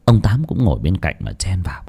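A man narrating a ghost story with dramatic, lively storytelling. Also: deep voice, a little fast, creaky, breathy edge. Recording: music under the voice.

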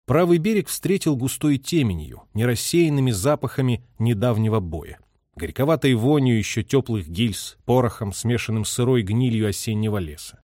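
A man reading a literary war story aloud with expressive, dramatic narration. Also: mid-range voice, moderate pace, dry recording, studio quality. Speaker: audiobook reader.

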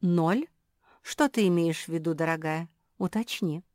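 Woman reading as motherly female dog, soft caring tone, lowish dry voice. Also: a little slow, no room sound, lightly acted. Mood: gentle.

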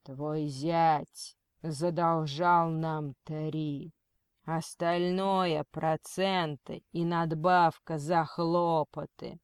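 A woman voicing a cold male kidnapper who threatens slowly and quotes scripture. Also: low voice, fairly even intonation, smooth, no echo, clean studio sound. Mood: menacing. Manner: slow, menacing, preachy.

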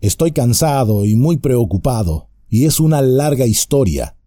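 A man's voice: mid-range voice, expressive, a little slow, dark tone, dry recording, clean studio sound, voice pushed up, lightly acted. A man doing Frodo, a weary worried hobbit. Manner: weary, earnest, polite. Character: tired, worried young male hobbit.

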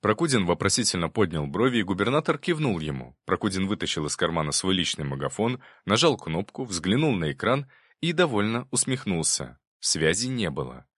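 A man's voice: low-pitched, big pitch swings, fairly quick, a bit bright, breathy edge, no echo, clean studio sound. Man narrating an audiobook expressively. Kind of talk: scripted narration.

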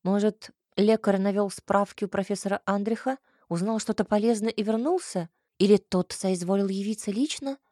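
A woman's voice: mid-range voice, steady tone, normal speed, hardly any pauses, dark tone, dry recording, clean studio sound. A woman steadily narrating a first-person fantasy audiobook.

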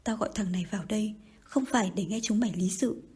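Woman reading cruel elderly mandarin, threatening, mellow husky tone, audiobook. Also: mid-range voice, fast talker. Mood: menacing. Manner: shouting threats and insults. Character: harsh older male mandarin, threatening.

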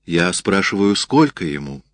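A man putting on a brash, teasing camp sutler woman with a soft heart under the rough talk. The voice is lifted higher than his own and sounds dry and close. It is a storybook reading. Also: big pitch swings, normal speed, dry recording. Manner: teasing, chatty.

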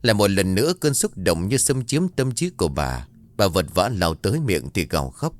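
A man narrating a ghost story in a dramatic, expressive way. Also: on the low side, normal speed. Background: faint music.

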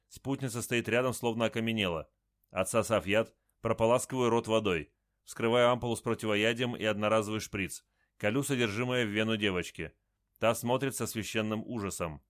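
A man narrates a first-person adventure story in short, matter-of-fact sentences. His voice sits low and the recording is dry and close, with no room sound. The delivery is terse and steady. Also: fairly quick, no room sound.

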